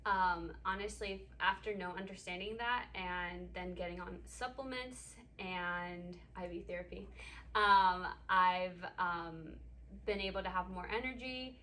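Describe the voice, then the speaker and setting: Woman, twenties, from Ecuador, patient, hesitant with many ums, bright tone, faint noise behind. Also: fairly low pitch, a little slow. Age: 20s. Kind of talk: casual interview. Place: clinic room.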